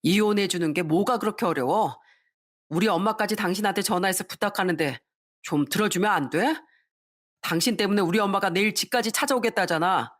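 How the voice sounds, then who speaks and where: A woman's voice: mid-range voice, a little fast, close to an everyday voice. Woman voicing a brazen cheating husband. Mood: pleading. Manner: blunt, dismissive demands. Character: cheating husband, young adult man, brazen and cold.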